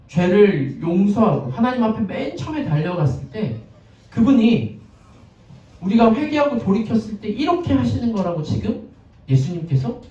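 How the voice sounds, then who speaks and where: A male pastor preaches in a relaxed, conversational way, stopping to ask his listeners questions. His voice sits high and swings widely in pitch, with a soft, dark tone. He is recorded from a distance in an echoey church, and the sound comes through dull and lo-fi. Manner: chatty, asks the congregation questions, acts out scenes. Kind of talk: conversational sermon. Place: church sanctuary.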